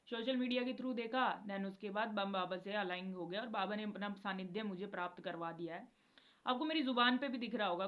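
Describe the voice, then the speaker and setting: A young woman speaks in a high voice to her followers about devotion. Her talk is chatty and heartfelt, sprinkled with filler tags and English words. She is recorded in a room, and the sound is muffled and lo-fi. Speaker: devotional vlogger. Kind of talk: casual spiritual talk to camera. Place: indoor room.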